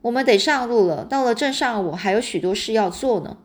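A woman's voice: a little high, animated, brisk, natural voice. A woman reading aloud and voicing a kindly, teasing old grandfather in a storybook.

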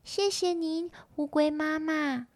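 Tadpole children, eager and shrill, put on by a woman reader; close dry storybook read. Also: slow pace, no room sound. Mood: polite. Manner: high, calling out excitedly.

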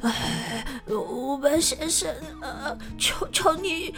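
A woman's voice: sits high, expressive, very slow, music in the background, exaggerated voice. A woman voicing a big male tiger in pain, wailing and crying as he begs for help. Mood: pained pleading. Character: big male tiger, pained, pleading, sobbing.

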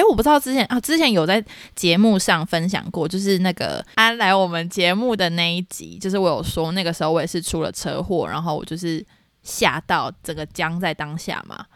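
A young woman, co-hosting a podcast and telling a story in a dramatic, animated way. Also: fairly low pitch, brisk, no echo, studio quality. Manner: animated, dramatic retelling with shouted quotes. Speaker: podcast co-host. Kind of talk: casual storytelling chat.

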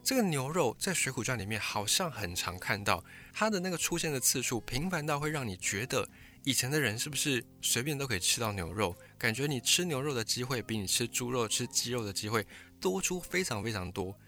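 A man's voice: medium pitch, big pitch swings, fairly quick, pushed and bright, faint music behind. A man, hosting a history channel and explaining the story behind a classic novel. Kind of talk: scripted history talk.

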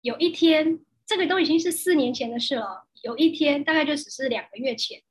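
A woman with a Taiwanese Mandarin accent, teaching a course in a casual way and telling animated stories with frequent laughter. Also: high-pitched, a little fast. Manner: animated, laughs often, acts out quotes. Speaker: course instructor. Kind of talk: casual teaching talk with storytelling.

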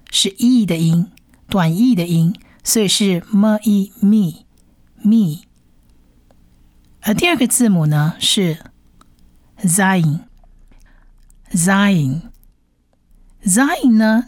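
This is a patient, slow Bible Hebrew reading lesson in which a woman spells out letters and repeats every sound several times. Her voice is medium-pitched with a darkish tone, captured at studio quality with no room sound.

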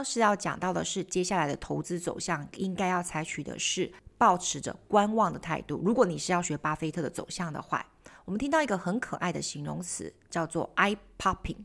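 A woman's voice: on the low side, normal speed, vocal fry. A woman hosting a bilingual lesson on English news, explaining key words and slipping English phrases into her explanations. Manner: lively explaining, mixing English terms into Chinese. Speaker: language teacher and host.

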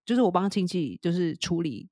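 A woman telling a funny story in a casual chat, laughing often and acting out quotes in higher voices. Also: lively intonation, a little fast, dark tone, no room sound, clean studio sound. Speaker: podcast co-host.

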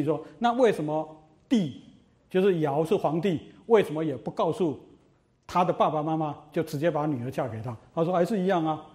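A middle-aged university lecturer with a mellow, somewhat high voice. He tells old stories with lively asides and keeps asking the students rhetorical questions. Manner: animated storytelling, rhetorical questions.

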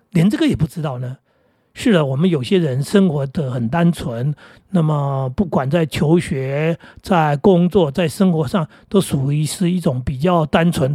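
A man's voice: on the high side, warm tone, no room sound, clean studio sound. A middle-aged man with a Taiwanese Mandarin accent, hosting a casual chat and rambling through anecdotes with many fillers. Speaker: podcast host.

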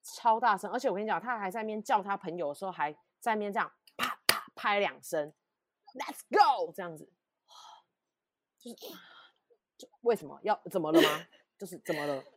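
A woman co-hosting a casual podcast chat, telling stories with animated, emphatic repetition. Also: mid-range voice, fairly quick, no room sound. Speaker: podcast co-host.

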